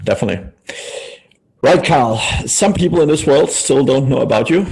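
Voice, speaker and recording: Gravelly-voiced male podcast host. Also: medium pitch, animated, normal speed, a little mellow, low-quality recording. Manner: jokey, asks rambling questions. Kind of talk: casual interview.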